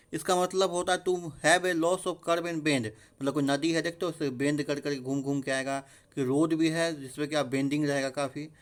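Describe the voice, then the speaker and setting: Guy teaching vocab words in hindi, kinda high voice, slows way down on the english bits. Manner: explains in Hindi, reads English definitions slowly and deliberately. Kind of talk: explaining word meanings in a recorded lesson.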